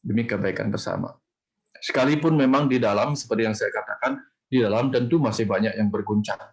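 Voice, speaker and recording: A man from Bali speaking in a calm, measured way as a spiritual teacher. His voice sits a little low, and he explains patiently with simple parables. He is answering a listener's question.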